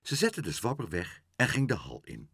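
Husky-voiced man reading a children's story. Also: fairly low pitch, normal speed, dry recording, studio quality. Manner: expressive, doing all the voices. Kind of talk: children's story read aloud.

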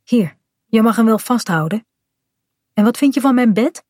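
Woman doing a higher little girl voice, bossy pirate captain game, storybook. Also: normal speed, dry recording, clean studio sound. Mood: playful. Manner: lively, bossy play-acting.

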